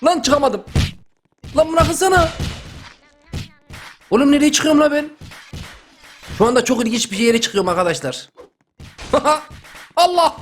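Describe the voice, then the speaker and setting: A young man doing a comic dub over gameplay, excitable and yelling in slang. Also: very high voice, a little slow, pauses often, slight background noise. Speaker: gaming YouTuber.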